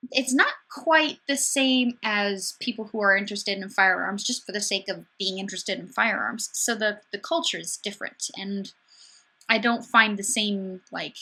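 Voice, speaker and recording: A woman's voice: mid-range voice, sharp tone, slightly rough. A young woman from Wisconsin hosting a casual webcam livestream, chatty and upbeat, reading out viewer comments and answering them with sarcastic asides. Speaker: livestream host. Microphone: webcam mic.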